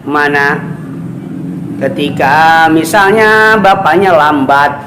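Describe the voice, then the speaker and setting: An Islamic teacher leads a kitab study as a casual religious lesson, speaking slowly and chattily to his students in a fairly high voice. He keeps asking "ya kan?" and acts out quoted voices with laughter, while the echoey room carries faint background noise.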